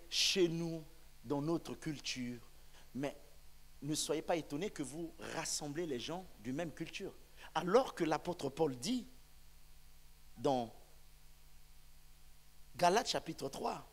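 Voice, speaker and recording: A man from the Central African Republic, a pastor preaching a sermon in a church, speaking emphatically and rising to shouts. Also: a little high. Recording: long reverb of a church hall.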